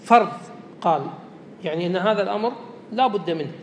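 A man teaching a religious law lesson, reading a line from a text and then explaining it plainly, going back over his points. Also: fast. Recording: echoey hall with faint rumble.

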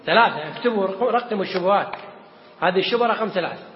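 A man's voice: high voice, very fast. Man, religious teacher, lesson on a text, rhetorical questions, dull roomy recording. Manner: animated, rhetorical questions to the students. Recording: echoey hall, dull audio.

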